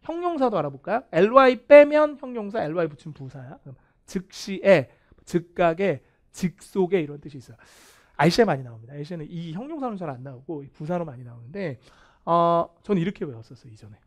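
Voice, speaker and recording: Male english instructor, high voice, very lively pitch, playful, self-mocking lecture tone. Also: fairly quick. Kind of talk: video vocabulary lecture.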